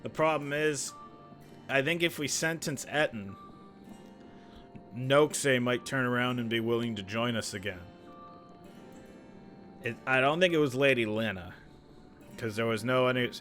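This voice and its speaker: A man streaming a video game, reading its dialogue aloud and thinking through his choices out loud in a casual, unscripted way. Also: medium pitch, measured pace, long pauses. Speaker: gaming streamer. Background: game music.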